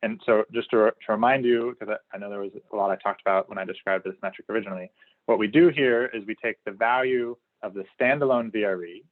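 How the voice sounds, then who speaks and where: Man presenting a webinar over tinny audio. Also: on the low side. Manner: explanatory, frequent fillers and restarts. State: losing his voice a little. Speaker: researcher presenting a study.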